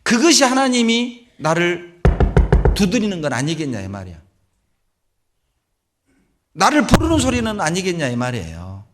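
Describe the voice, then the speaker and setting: A middle-aged male pastor preaching a sermon in a church, telling Bible stories with animated delivery. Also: sits high, normal speed, long pauses, over music. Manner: animated storytelling, acts out biblical voices. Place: church sanctuary.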